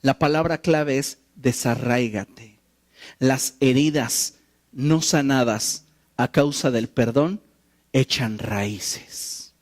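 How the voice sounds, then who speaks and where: A man preaching a sermon, animated and wry, acting out the quoted lines he tells. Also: medium pitch, slow. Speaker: pastor.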